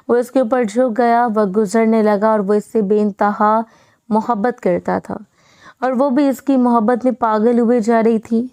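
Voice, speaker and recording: Woman narrator reading a romance story, smooth and warm voice. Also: a little high, dry recording. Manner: steady storytelling read-aloud. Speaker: novel narrator. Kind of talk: scripted narration of a romance novel.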